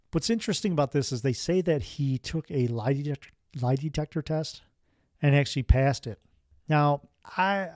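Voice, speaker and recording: Podcast guy rambling through a weird story, dark mellow voice, dry sound. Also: mid-range voice, no echo. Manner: rambling, wry asides and self-questioning. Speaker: podcast host.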